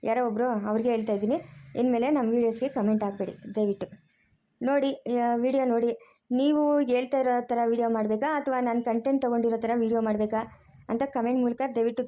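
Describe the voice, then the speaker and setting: A woman channel creator who speaks straight to her viewers, pleading earnestly. She talks fast in a fairly high voice. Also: level tone, warm tone. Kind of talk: direct address to viewers.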